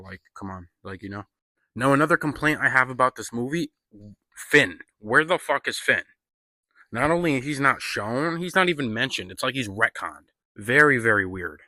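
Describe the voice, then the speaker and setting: A man's voice: mid-range voice, pushed and bright, no echo, studio quality. A man giving a casual spoken film review, loose and profane, full of fillers and slang. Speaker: movie reviewer.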